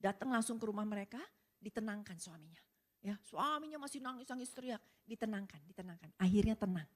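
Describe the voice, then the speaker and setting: A woman pastor preaching to a women's service, telling a story with animated, rising emphasis. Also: medium pitch, fast. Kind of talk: sermon with storytelling.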